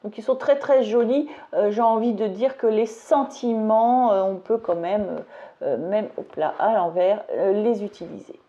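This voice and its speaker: A woman with a warm, mid-range voice speaks at a measured pace, though the audio is dull. Sitting at her home table, she demos craft stamps in a chatty, rambling haul, often joking at her own expense.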